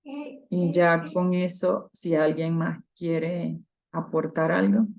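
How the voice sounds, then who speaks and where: A mother speaks in a fairly low, earnest voice. Her sentences stop and restart as she thinks aloud. The delivery is gentle and unhurried. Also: vocal fry. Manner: halting, with many restarts and fillers. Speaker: mother sharing in a parents' discussion group. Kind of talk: casual reflective talk.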